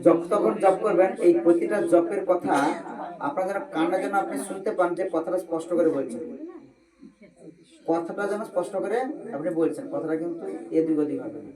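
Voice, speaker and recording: A man's voice: high voice, brisk, crowd noise. A man teaching a visitor how to chant on prayer beads, alternating patient step-by-step instructions with sung mantras. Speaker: temple devotee teaching chanting. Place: temple hall with people around. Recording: distant echoey mic in busy hall.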